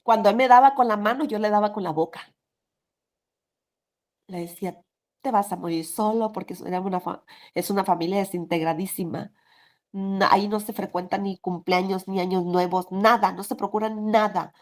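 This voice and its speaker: A woman's voice: mid-range voice, steady tone, normal speed. A middle-aged woman giving a rambling, emotional personal testimony in an interview. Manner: rambling, restarts often, emotional.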